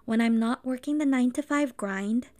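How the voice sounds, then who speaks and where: Reading the scripted opening of her podcast, this thirties co-host, Philippine-born and LA-raised, speaks earnestly and at a measured pace. Her voice is fairly high with a dark tone.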